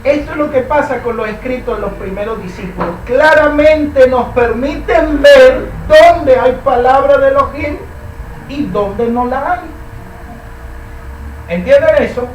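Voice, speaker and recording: A man's voice: very high-pitched, slight background noise. A man teaching a Bible study class, emphatic and full of rhetorical questions. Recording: echoey room, mic at a distance.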